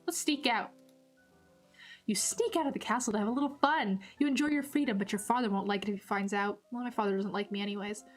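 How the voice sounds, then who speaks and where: A woman's voice: medium pitch, fast talker. A woman streamer playing a text game, reading its narration aloud in a rambling, self-deprecating way. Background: soft background music.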